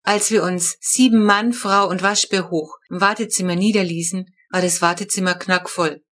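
A woman narrating a children's book with lively, expressive storytelling. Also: fairly low pitch, normal speed. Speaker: audiobook narrator.

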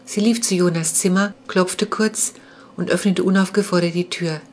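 A woman reading aloud her own children's novel as an audiobook, calm and measured. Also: on the low side, slight background noise.

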